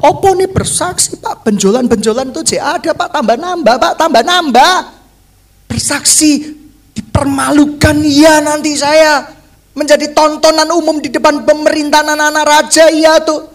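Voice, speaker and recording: A man's voice: extremely high pitch, fairly even intonation, moderate pace, pitched above the performer's own voice. A preacher voicing a whiny doubting sick man. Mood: complaining.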